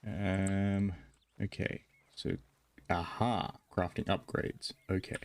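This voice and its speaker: A man streaming a video game and chatting along in a jokey, casual way. His voice sits very low. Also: flat delivery, slow pace. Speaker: livestreamer. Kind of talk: casual gaming commentary.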